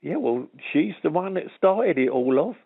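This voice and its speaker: A man's voice: a little high, animated, moderate pace, vocal fry. An angry man calling in to a radio talk show over a phone line, talking in an accusing way. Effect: radio show caller on a phone line.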